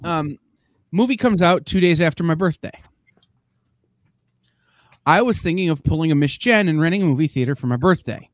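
A man hosts a relaxed chat show, slipping in dry jokes at his own expense. His voice sits a little high for a man. The recording is close and dry. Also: moderate pace, long pauses, no room sound. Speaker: podcast host. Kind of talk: casual chat.

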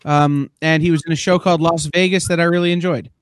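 A man's voice: a little high, fairly even intonation, fast talker, clear, resonant tone, no room sound. A man hosting a casual chat show, making dry, self-deprecating jokes. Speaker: podcast host.

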